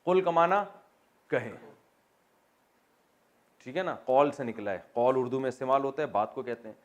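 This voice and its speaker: A man gives a classroom lecture on religious texts at a medium pitch. He works through each word step by step. He asks the class questions and answers them himself. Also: lo-fi sound. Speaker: religious teacher. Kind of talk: classroom lecture on Quran vocabulary and grammar.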